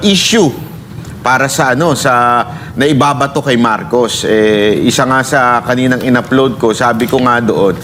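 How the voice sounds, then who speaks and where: A male vlogger talks through political commentary haltingly, pausing on fillers as he goes. His voice sits at a middle pitch, with a faint hiss behind it. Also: a bit bright. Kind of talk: online commentary.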